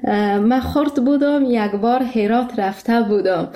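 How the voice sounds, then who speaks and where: A woman's voice: on the high side, warm tone. A woman hosting a radio interview, polite and formal in how she addresses her guest. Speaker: host.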